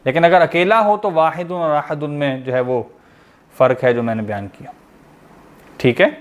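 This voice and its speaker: A man's voice: a little high, normal speed, lo-fi sound. A man teaching a grammar lesson over an online class. He explains step by step, asking the class questions and then answering them himself.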